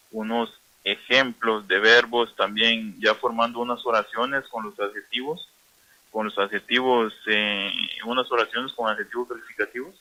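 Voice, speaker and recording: Male radio teacher, crisp bright voice, dry sound, patient drill-style explaining. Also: lowish voice, dry recording, rough recording. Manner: slow, explanatory, repeats words for learners. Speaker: language teacher. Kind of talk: radio language lesson.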